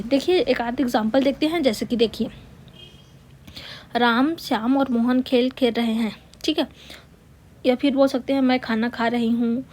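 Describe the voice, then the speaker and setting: Speaking with a fairly high pitch and a darkish tone, a woman teaches grammar. She goes over key words patiently, poses rhetorical questions, and dictates slowly word by word while she writes.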